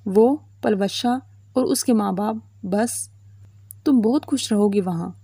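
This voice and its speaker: A woman voicing a worried middle-aged mother who talks softly and pleadingly. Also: mid-range voice, creaky, breathy edge, no echo, studio quality. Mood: tender. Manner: pleading, soft.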